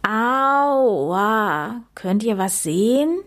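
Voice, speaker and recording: A woman voicing a big, hairy, gentle male forest creature in a children's story. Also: medium pitch, animated, measured pace. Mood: whimpering. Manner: whiny, then gleeful and solemn.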